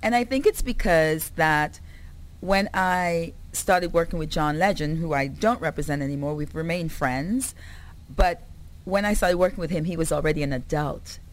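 Caribbean-born woman, publicist guest, chatty, laughs a lot, lowish voice. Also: normal speed. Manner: animated, laughing, repeats herself. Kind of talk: conversational interview.

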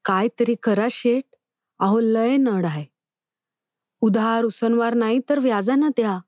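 A woman's voice: on the high side, a little slow, darkish tone, dry recording, studio quality, lightly acted. A woman voicing a weary, anxious farmer who begs for money in a storybook reading. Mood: begging. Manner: anxious, begging. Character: desperate indebted male farmer, weary and anxious.

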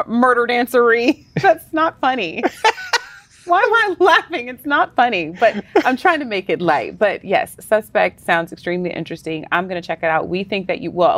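A woman co-hosting a podcast, chatting casually, playful and quick to laugh, calling listeners honey. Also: lowish voice, no echo. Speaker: podcast co-host.

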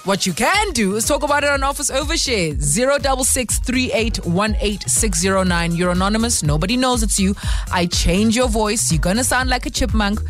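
A woman's voice: fairly high pitch, animated, a little fast. A woman with a South African accent hosting a radio phone-in, conversational and encouraging, speaking straight to listeners. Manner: sympathetic, encouraging, addresses listeners directly. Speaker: radio host. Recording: studio radio over music bed.

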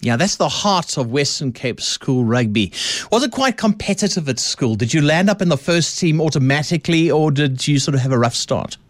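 A man's voice: fairly high pitch, lively intonation, normal speed, hardly any pauses, no room sound, clean studio sound. A South African man hosting a radio sports talk show, chatty and enthusiastic. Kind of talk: radio interview.

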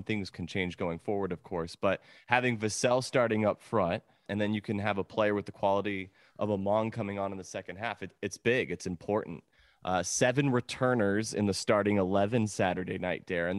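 A man co-hosting a sports podcast, talking through the lineup briskly. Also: fairly low pitch, no room sound, studio quality. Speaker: podcast co-host.

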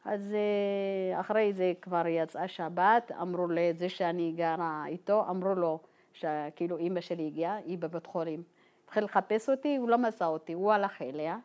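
Woman from Ethiopia, personal testimony, halting and informal, slightly low-pitched. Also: a little mellow. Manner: halting and informal, many fillers, acts out remembered dialogue. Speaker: guest telling her life story. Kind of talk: personal testimony told to a group.

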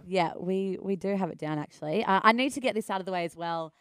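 A woman's voice: medium pitch, fast, clean tone, no room sound, clean studio sound. An Australian woman in her thirties with a cold, interviewing casually in an informal, gushing way. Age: 30s. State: sick with a cold. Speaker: radio interviewer.

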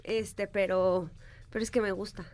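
A woman's voice: medium pitch, fairly even intonation, a little slow, a little mellow. A woman with a Mexican accent chatting casually as a co-host in a radio studio. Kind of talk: casual chat.

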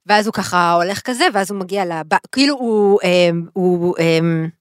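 A woman co-hosting a podcast, chatting casually and retelling a TV episode in an excited, rambling way full of fillers. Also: on the low side, clean tone, no room sound, studio quality. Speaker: podcast co-host. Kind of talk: casual chat.

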